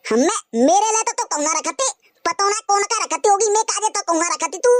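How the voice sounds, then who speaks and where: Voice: very high-pitched, normal speed, a little hiss or hum. A voice actor playing a stingy village husband in a comic cartoon, scolding and grumbling.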